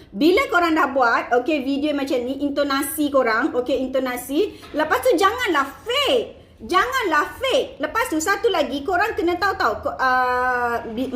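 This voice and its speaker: Chatty Malaysian woman, high and echoey. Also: a bit bright. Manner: chatty, playful, code-switching with English, laughs often. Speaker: online seller coaching her team. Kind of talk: casual marketing tips talk.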